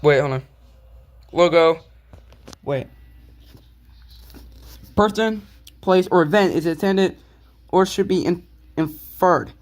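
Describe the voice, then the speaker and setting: A man's voice: high voice, takes it slowly, pauses often. A young man hosting his own video, reading a manual aloud in a casual way, stumbling over words and correcting himself, with offhand asides.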